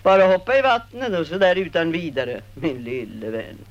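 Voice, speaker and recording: Brief: actress voicing a contemptuous old river spirit, radio drama, mocking growls. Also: female voice, sits low, expressive, lo-fi sound. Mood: scornful. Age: older. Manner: scolding, mocking, swings from growl to shout. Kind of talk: radio play acting.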